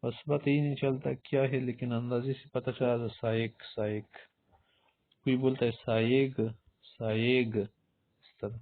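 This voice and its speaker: A man with a middle-pitched voice gives a language lesson. He asks questions and answers them himself, and he says each new word again and again. The recording sounds thin and narrow, like a phone call. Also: level tone. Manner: repeats each word several times, asks and answers his own questions. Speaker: Arabic teacher. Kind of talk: Urdu-language vocabulary lesson. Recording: tinny phone-like audio.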